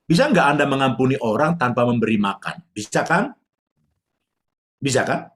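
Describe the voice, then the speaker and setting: A male pastor preaching with a lively, swinging voice that climbs high and drops low. He asks questions and answers them himself, emotive and earnest. His pitch sits in the middle for a man. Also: moderate pace. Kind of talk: sermon.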